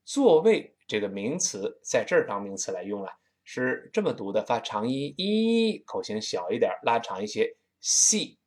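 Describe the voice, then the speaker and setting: Lively man teaching English pronunciation. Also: fairly low pitch. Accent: Tianjin. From Tianjin, China. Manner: lively, slows down to drill pronunciation. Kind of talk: spoken English lesson.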